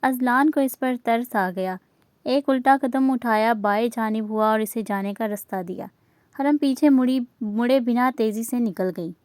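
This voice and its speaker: A woman reading a romance novel aloud in steady storytelling. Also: fairly high pitch, a little slow, dry recording. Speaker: novel reader.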